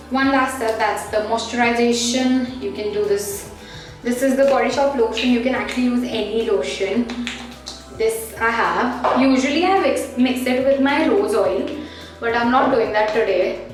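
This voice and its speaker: A woman's voice: fairly high pitch, roomy sound. A young woman with an Indian English accent, chatting in a bubbly, giggly way to her viewers in a casual vlog. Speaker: vlogger.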